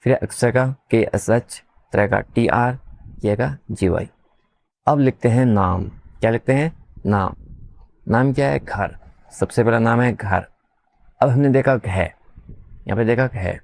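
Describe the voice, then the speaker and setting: A man teaching beginners to spell, slowly repeating sounds and letters and asking his listeners questions back. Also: medium pitch, vocal fry, darkish tone, dry recording. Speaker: English teacher. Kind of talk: slow spelling lesson for beginners.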